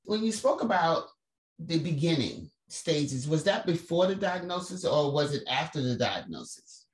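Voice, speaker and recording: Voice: medium pitch, big pitch swings, normal speed. A host in a casual conversation, affirming and explaining things to parents. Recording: echoey room.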